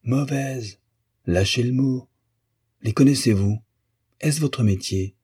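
A man's voice: mid-range voice, takes it slowly, warm tone, husky, voice pushed up. A man voicing an angry, bitter adult male painter who hurls contemptuous outbursts. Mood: scornful.

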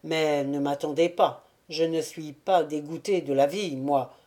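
A woman reading the part of a surly, brooding old male buccaneer gunner, voiced lower and grumbling. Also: fairly even intonation, unhurried, mellow. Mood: gruff.

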